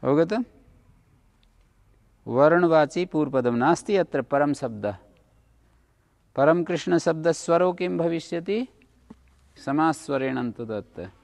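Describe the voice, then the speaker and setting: Guy teaching sanskrit grammar, gravelly voice, dry close sound. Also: a little high, expressive, slow pace, long pauses, darkish tone, dry recording. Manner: explains rule by rule, checks understanding. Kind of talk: classroom lecture.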